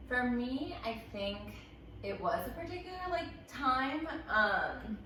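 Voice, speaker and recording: A woman in her twenties from Peru, a guest in a casual chat, speaking reflectively with many pauses and fillers. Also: fairly high pitch, very animated, sharp tone, a little hiss or hum. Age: 20s. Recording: echoey room, mic far off.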